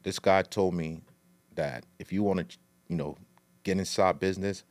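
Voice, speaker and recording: A middle-aged Liberian man, a food entrepreneur, tells his story as a podcast guest. His voice sits low, with a steady tone and moderate pace. He is casual and long-winded, peppering his talk with street slang.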